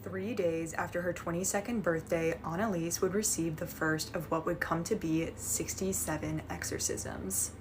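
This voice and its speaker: A woman with a fairly low voice narrates a scripted true story in a conversational way. There is clear background noise behind her speech. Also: steady tone, moderate pace, few pauses.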